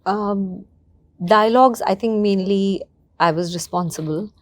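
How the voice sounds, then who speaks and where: A woman, a writer guest in an interview, speaking in halting phrases as she searches for words. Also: mid-range voice, dry recording. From Afghanistan and north India. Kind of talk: interview talk mixing English and Hindi.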